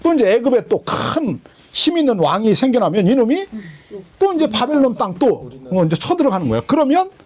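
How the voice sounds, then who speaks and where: A male pastor giving a sermon in colloquial, storytelling style, retelling scripture with dramatic swings. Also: fairly quick. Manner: animated storytelling, colloquial, dramatic drops in pitch.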